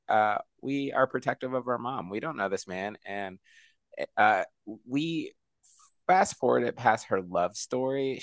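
A man co-hosting a podcast, talking in a thoughtful, measured, somewhat halting way. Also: lowish voice, gravelly, no room sound. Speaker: podcast co-host. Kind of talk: casual chat.

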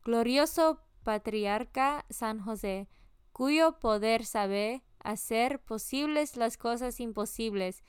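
A woman reading scripture and daily prayers in a measured, solemn devotional style. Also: fairly high pitch, clear, resonant tone, dry recording, studio quality. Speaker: scripture reader.

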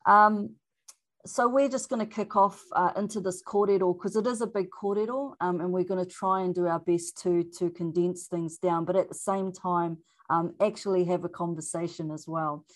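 Low-voiced Māori-accented New Zealand woman hosting. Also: steady tone, normal speed. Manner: informal, mixes in Māori words. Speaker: panel host. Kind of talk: informal panel moderation.

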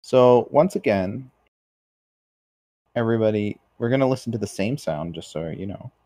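A man's voice: lowish voice, expressive, normal speed, dark tone, no echo. A man hosting a casual discussion, reflective and asking probing questions. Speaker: host.

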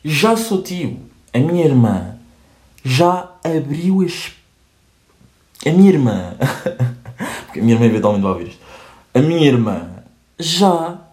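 A young man with a European Portuguese accent hosts a comic rant, joking and swearing with quick asides. His pitch swings widely. The room adds a noticeable echo. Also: big pitch swings, darkish tone. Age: young adult. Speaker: host. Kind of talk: casual comedic monologue. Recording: roomy echo.

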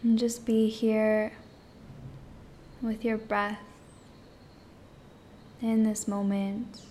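A woman leading a guided meditation in a soft, hushed, partly whispered voice, speaking in short phrases with long pauses. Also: mid-range voice, flat delivery, a little hiss or hum.

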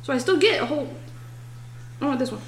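A woman's voice: high-pitched, lively intonation, fast, a crowd in the background. A woman playing a tabletop role-playing game, chatting casually and playfully at the table. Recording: echoey room with faint music.

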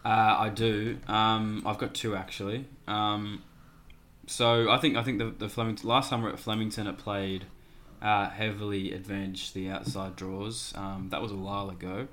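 A young Australian man co-hosting a racing podcast, flat and monotone, nasal from a cold, with many fillers. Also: fairly low pitch, normal speed. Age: young adult. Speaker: podcast co-host, tipster. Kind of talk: casual podcast chat.

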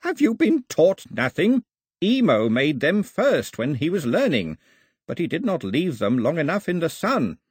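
A man voicing a frail, bewildered old male priest, croaking, pompous and given to wailing. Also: a little high, wildly swooping pitch, measured pace, no echo, clean studio sound, voice pushed up, full character voice. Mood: querulous.

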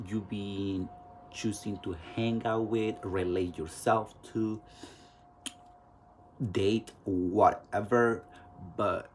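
This is a casual solo podcast monologue from a man in his twenties with a Mexican accent, who talks bluntly and openly with plenty of fillers and swearing. His voice is fairly low in pitch, with slight background noise.

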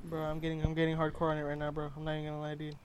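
Higher-voiced young frat-bro gamer guy. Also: completely flat delivery, very fast, clean tone. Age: young adult. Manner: frat-bro slang, constant "bro" and "dude", swearing. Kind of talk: casual chat while gaming.

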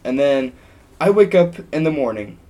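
A man's voice: fairly high pitch, animated, moderate pace, warm tone. A young man in casual podcast chat, telling a long anecdote in a rambling way with frequent ums and restarts. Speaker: podcast co-host.

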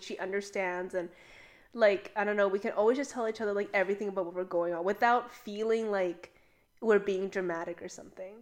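A young woman chats casually as a podcast co-host, her mid-range voice moving quickly from one story to the next. She fills her sentences with "like" and tells tales animatedly. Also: mid-range voice. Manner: chatty, heavy use of "like", animated storytelling. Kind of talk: casual chat.

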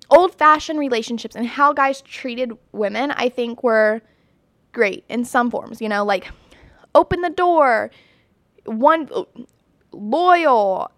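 A young woman talks straight to camera in a dry, close sound, her voice sitting a little high. She is chatty and blunt, stressing her points with many fillers and sounding sure of her own views. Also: fairly bright tone, dry recording. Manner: chatty and emphatic, many "like"s and "you know"s; blunt and opinionated. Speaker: vlogger. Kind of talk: casual talk to camera.

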